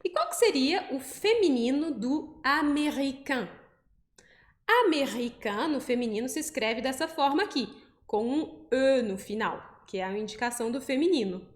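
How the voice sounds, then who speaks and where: A Brazilian woman teaching French pronunciation, explaining patiently step by step and saying each example word slowly. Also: high-pitched, expressive, echoey room. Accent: Brazilian Portuguese. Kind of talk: pronunciation lesson.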